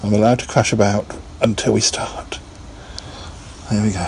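A man's voice: fairly low pitch, flat delivery, moderate pace, creaky, a little mellow, a little hiss or hum. A man hosting a casual live podcast, chatting in a rambling way and laughing often. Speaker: podcast host.

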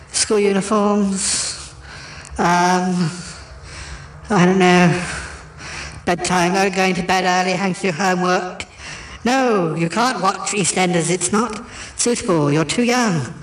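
A man's voice: sits high, pitched above the performer's own voice. A pompous theatrical grande dame, put on by a man, gushing and grand with a fondness for "darling." She dispenses advice with lofty confidence. The sound is roomy and echoey. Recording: roomy echo.

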